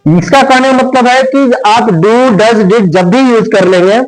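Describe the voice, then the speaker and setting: Man, Indian accent, grammar teacher, high-pitched, slow dictation, recites rhyme line by line. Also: rough recording. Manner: slow, drawn-out dictation of lines, word by word.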